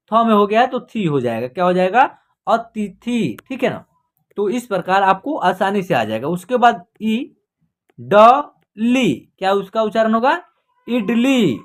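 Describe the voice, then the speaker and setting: A woman teaching beginners to read in an online class, spelling out each letter and then asking and answering her own questions about how the word sounds. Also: mid-range voice. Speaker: Hindi reading teacher. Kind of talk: online beginner reading lesson.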